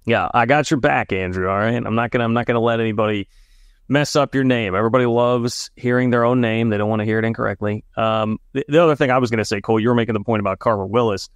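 A man's voice: mid-range voice, clear, resonant tone, dry recording. A man co-hosting a sports podcast, chatty and jokey in casual analysis. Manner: chatty, jokey, talks fast.

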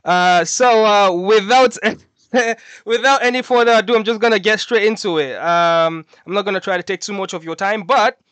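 High-voiced chatty interview host. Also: male voice, moderate pace, fairly bright tone, dry recording. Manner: friendly, chatty, rambling questions. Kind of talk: interview hosting. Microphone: headset on video call.

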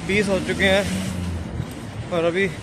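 A man's voice: sits high, little pitch movement, takes it slowly, gravelly, noisy background. A young man from Haryana chatting casually in a daily vlog, giving running commentary to a handheld phone camera. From Haryana, India. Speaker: vlogger. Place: kitchen, then outdoors on streets. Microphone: phone at arm's length.

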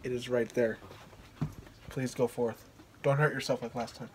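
A man's voice: medium pitch, flat delivery, moderate pace, darkish tone, a little hiss or hum. A young man hosting a vlog, filming his friends in a basement and joking with them as he goes. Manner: joking, teasing, laughs often. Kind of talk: casual chat. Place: cluttered home basement. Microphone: handheld camera.

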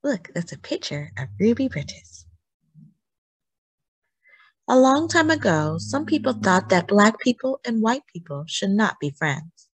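The audio is dry and close-miked with minimal room echo, featuring a woman reading a story to children. Her voice is slightly low and husky, and she emphasizes phrases deliberately with animated, expressive intonation.

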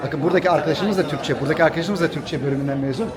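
High-voiced, fast-talking man. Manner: chatty, repeats phrases, coaxing questions. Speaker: vlog host. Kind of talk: casual vlog chat and interviewing. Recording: crowd chatter behind.

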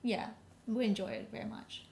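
Vietnam-born woman, earnest and halting. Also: mid-range voice, fairly even intonation, creaky. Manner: warm, earnest, slightly halting phrasing. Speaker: podcast co-host. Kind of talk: casual chat.

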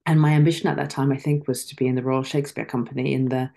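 A middle-aged woman from Zimbabwe, an actress and guest, chatting on a video call from a dim room at home. She speaks articulately and reflectively, with soft laughs and filler ums. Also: very deep voice, little pitch movement, racing, vocal fry. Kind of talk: casual interview chat.

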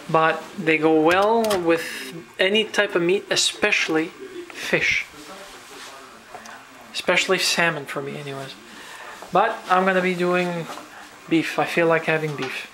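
A home cook from New Brunswick, Canada, talks in a relaxed, rambling way for a casual cooking vlog, full of fillers and restarts. His voice is a little high, and the audio, captured on a handheld camera in his home kitchen, is poor.

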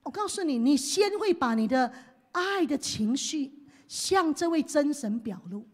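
High-voiced woman pastor preaching. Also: lively intonation, a little slow. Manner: leads the congregation in call-and-response, swings from hushed to loud. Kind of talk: sermon.

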